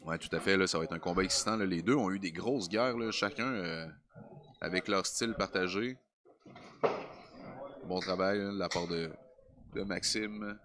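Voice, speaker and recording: A man's voice: deep voice, moderate pace, long pauses, a bit bright, slight background noise. A man with a Quebec French accent giving analytical live grappling commentary in a colloquial, explanatory way. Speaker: combat sports commentator.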